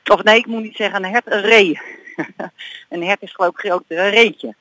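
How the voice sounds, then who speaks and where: A woman's voice: mid-range voice, moderate pace, bright, forceful tone, no room sound, poor audio. A woman talking enthusiastically as a guest on a radio interview while out walking, with frequent hesitations. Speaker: guest from a regional fund. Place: outdoors, on a walk.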